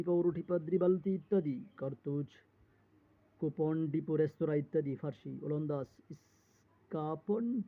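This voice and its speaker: Male tutor, somewhat high voice, reads word lists for exam prep. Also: narrow, tinny audio. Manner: reads lists of words slowly, with small self-corrections. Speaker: teacher. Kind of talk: reading and explaining a word list for exam study.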